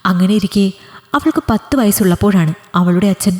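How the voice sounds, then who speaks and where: A woman's voice: mid-range voice, expressive, fairly quick, darkish tone, lightly acted. A woman voicing an anxious, desperate middle-aged mother who speaks in an urgent, pleading way in a storybook reading. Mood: reminiscing. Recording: long hall reverb.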